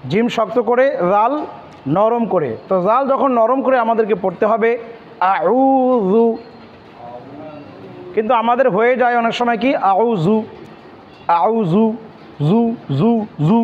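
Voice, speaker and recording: A man with a Bangladeshi Bengali accent teaching Quran pronunciation step by step, spelling out letters and vowel marks slowly and repeating each syllable. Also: extremely high pitch, long reverb tail, muffled recording, slight background noise.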